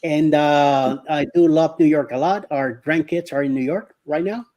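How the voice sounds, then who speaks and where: Speaking at a normal speed with a fairly high, warm voice, this middle-aged man from Miami runs a laid-back live stream. He greets viewers by name and wanders through his talk, hesitant and full of fillers.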